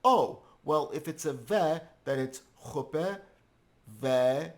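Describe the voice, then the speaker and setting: A hesitant male student in a scripted lesson. He sounds out words haltingly and guesses by trial and error. His delivery stays unsure. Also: on the high side, animated.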